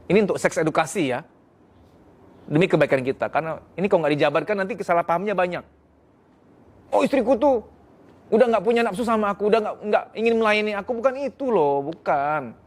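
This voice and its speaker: A man speaks frankly and earnestly, offering blunt marriage advice in a lively way. His voice sits a little higher than most men's.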